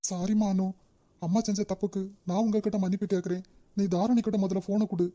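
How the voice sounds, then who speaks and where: A woman's voice: mid-range voice, steady tone, fast, dark tone, no echo, natural voice. A woman voicing an earnest, apologetic young man on the phone in a cartoon. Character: anxious young fiancé on the phone. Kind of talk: cartoon voice acting.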